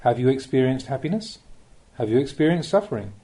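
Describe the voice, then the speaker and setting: A man, a Buddhist monk, reading a scripted spiritual teaching as an audiobook, with measured, deliberate phrasing and rhetorical questions. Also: mid-range voice, big pitch swings, dark tone.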